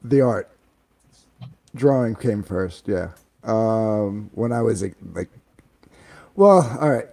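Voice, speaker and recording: A man in his forties, a guest in a casual chat, telling long stories in a rambling, animated way full of fillers. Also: fairly low pitch, takes it slowly, creaky, long pauses.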